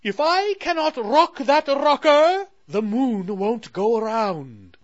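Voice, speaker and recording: A man voicing a fussy, huffing queen of the moon, who speaks slowly and dramatically. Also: extremely high pitch, lively intonation, pitched above the performer's own voice, exaggerated voice. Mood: fuming. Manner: huffy, slow and dramatic. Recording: dull, dry lo-fi recording.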